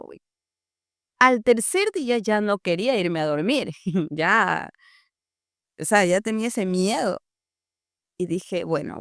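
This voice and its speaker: A woman's voice: mid-range voice, creaky, no room sound, clean studio sound. A young woman with an Ecuadorian accent telling her personal testimony as a podcast guest, acting out the voices of her family as she tells it. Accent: Ecuadorian Spanish. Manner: lively storyteller, acts out family voices.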